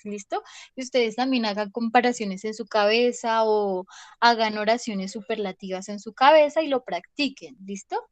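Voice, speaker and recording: A woman's voice: fairly high pitch, dry recording. A young woman, an English teacher giving an online class on video call, patient and always checking with "¿listo?".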